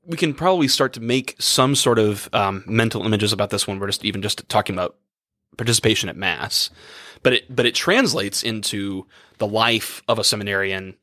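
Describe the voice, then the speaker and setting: Hoarse young priest, dry close sound. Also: male voice, on the low side, brisk, bright, forceful tone, no room sound. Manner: rambling, thinking aloud with many fillers. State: losing his voice. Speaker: priest and podcast co-host. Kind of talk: casual chat, reading letters aloud.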